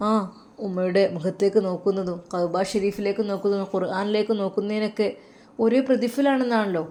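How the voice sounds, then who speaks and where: A woman voicing a troubled young male religious scholar who deeply loves his mother, speaking softly and sorrowfully. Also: fairly even intonation, fairly quick, close to an everyday voice. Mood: tender. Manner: soft, sorrowful, heartfelt.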